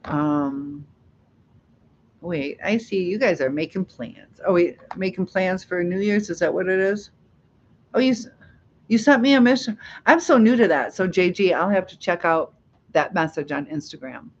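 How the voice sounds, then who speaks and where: With a lowish voice and lively intonation, a middle-aged woman from Ohio hosts a laid-back livestream, chatting and rambling through the comments and laughing often. She speaks at a moderate pace. Her lo-fi stream audio sounds dull, with a little background noise.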